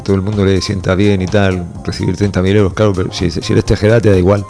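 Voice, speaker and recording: A man with a fairly low voice, bantering as a radio co-host. He jokes and teases, throwing in loud asides, while music plays clearly under him. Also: little pitch movement, quick pace. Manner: playful, teasing, loud emphatic asides. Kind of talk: joking radio chat. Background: music bed.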